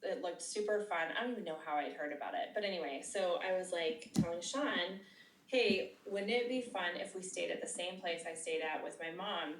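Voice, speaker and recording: A woman's voice: lowish voice, normal speed, distant mic, slight background noise. Woman around fifty, echoey and off-mic. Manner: chatty storyteller, laughs often. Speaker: podcast co-host. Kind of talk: casual chat.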